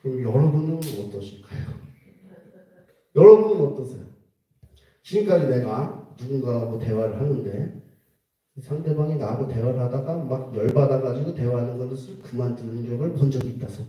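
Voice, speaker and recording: A man preaching a sermon at a church retreat, playful and animated, acting out conversations and often laughing. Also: mid-range voice, moderate pace. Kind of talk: lively sermon with acted-out dialogue. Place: retreat hall, indoors. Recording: roomy echo, mic heard from a distance.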